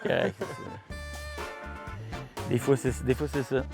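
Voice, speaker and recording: A man's voice: medium pitch, fairly even intonation, a little slow, vocal fry. Quebec French man with music behind. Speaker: player in a filmed golf outing. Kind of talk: casual joking chat among friends.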